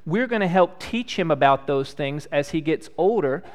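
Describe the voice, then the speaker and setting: A man in his thirties, a pastor leading prayer and a children's message, speaking gently and asking the children simple questions. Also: fairly high pitch, expressive, normal speed. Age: 30s. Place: church.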